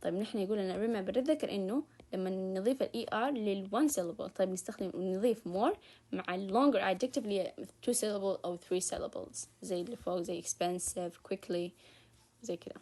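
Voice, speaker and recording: A young woman with a Hijazi Arabic accent talks through a grammar lesson for fellow students. She sounds relaxed and informal. She lingers on each example word and then hurries through her explanations. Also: medium pitch. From Saudi Arabia. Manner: stretches examples slowly, rushes through asides. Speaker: student tutor. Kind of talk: casual recorded grammar lesson.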